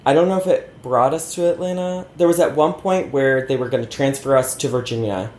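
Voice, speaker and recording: A man's voice: medium pitch, a little fast, darkish tone, slight background noise. A man in his thirties, interview guest, chatting casually and rambling with lots of fillers and easy laughter. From born in Connecticut, raised in Georgia. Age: 30s. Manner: rambling, self-deprecating, laughs easily, many fillers. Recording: roomy sound with faint ambience.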